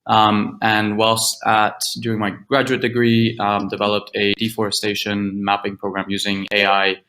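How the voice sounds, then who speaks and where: A man from Guatemala giving a prepared grant pitch on a video call, listing his points steadily with a few fillers. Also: monotone, moderate pace, bright, forceful tone, rough recording. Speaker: grant finalist presenting.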